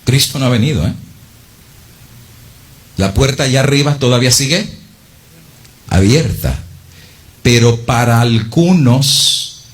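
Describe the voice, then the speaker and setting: A man's voice: moderate pace, pauses often. Dramatic male preacher asking rhetorical questions. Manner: rhetorical questions, wide dramatic swings of pitch. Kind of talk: sermon.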